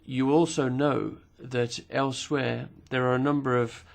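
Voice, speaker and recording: At a parliamentary committee hearing, a man gives simultaneous interpretation of the speeches in a formal, measured way, with pauses and the odd filler. His voice is mid-range and gravelly, and his intonation stays fairly even.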